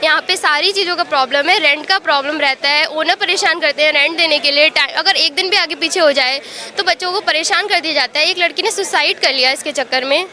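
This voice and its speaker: A woman's voice: high voice, quick pace, few pauses, pushed and bright. A young woman from Uttar Pradesh, an exam aspirant giving a street interview outdoors at a protest, talking earnestly and upset in long runs. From Uttar Pradesh, India. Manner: earnest, upset, speaks in long runs mixing English words.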